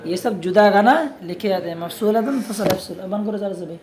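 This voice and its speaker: A man gives a classroom lesson on the grammar of scripture, his voice sitting fairly high. He keeps quizzing his students and supplying the answers himself. He lingers slowly over quoted passages and drops in casual, teasing remarks. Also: fairly even intonation, darkish tone. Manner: reads Arabic passages slowly and deliberately. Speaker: religious studies teacher.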